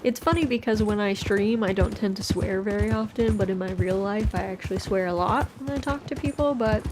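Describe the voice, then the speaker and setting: An American woman streams a game, chatting in a relaxed, cozy way with a medium-pitched, brisk voice. The background is noisy with game music, horse hooves and animal sounds.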